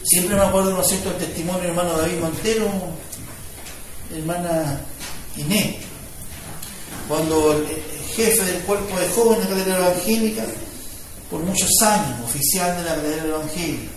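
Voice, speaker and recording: A man's voice: sits high, moderate pace, noisy background. A man preaching a sermon as pastor, talking conversationally and building to fervor, often checking "do you understand me?". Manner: conversational preaching with rising fervor, frequent "¿me entiende?". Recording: echoey room, voice from far off mic.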